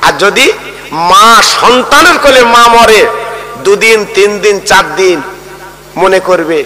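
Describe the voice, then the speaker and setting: A man preaching a sermon with storytelling, in a sing-song chant that rises into high wailing appeals. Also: lively intonation, a little slow, long reverb tail, rough recording. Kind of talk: Bengali waz sermon with storytelling.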